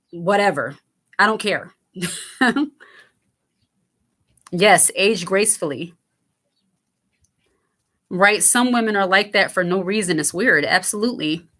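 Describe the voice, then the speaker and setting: Here the host, a woman in her thirties with a husky-raspy lower register, reads and replies to viewer comments at a slow pace with frequent pauses. Her tone is pushed and bright, frank and playful, peppered with fillers and self-interruptions.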